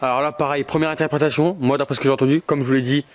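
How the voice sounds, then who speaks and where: A man's voice: mid-range voice, fairly even intonation, rapid-fire, a little hiss or hum. A man exploring an abandoned brickworks, anxious and hesitant, thinking aloud with many fillers. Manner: raises voice to call out to spirits. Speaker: ghost hunter vlogger. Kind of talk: solo paranormal investigation vlog. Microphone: headphones on, portable recorder.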